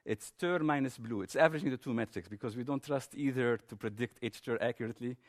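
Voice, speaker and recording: Man, conference presenter, technical explanation, informal delivery, medium pitch. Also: fast talker.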